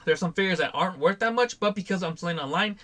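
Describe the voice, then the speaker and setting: A man's voice: sits high, expressive, quick pace, bright, forceful tone. Exasperated man ranting about buyers. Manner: exasperated, acts out buyers in quoted voices. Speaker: toy seller and channel host. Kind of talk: casual vlog rant.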